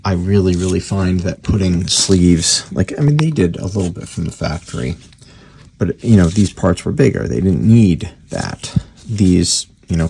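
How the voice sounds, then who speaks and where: There's slight hiss or hum behind this man's low, creaky, somewhat mellow voice. A radio repair hobbyist, he presents an unscripted workbench tutorial, rambling along in a plain, conversational manner.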